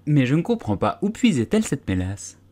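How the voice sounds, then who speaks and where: A man's voice: mid-range voice, huge pitch swings, brisk, darkish tone, voice pushed up. A man voicing a polite, curious young girl in a storybook, earnest and a little pleading.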